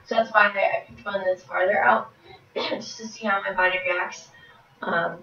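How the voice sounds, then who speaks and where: A fitness vlogger in her thirties, getting over a cold, chats casually through meal prep tips in her home kitchen, rambling with lots of ums and moving around as she talks. Her mid-range voice has fairly even intonation, a normal speed, and a sharp tone. A camera across the room captures roomy, distant, dull audio.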